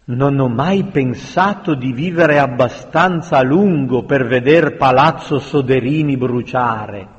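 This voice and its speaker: A man's voice: medium pitch, slow, few pauses, muffled recording, close to an everyday voice. A man voicing an indignant, alarmed small plump older notary in a storybook reading. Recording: long reverberant room sound.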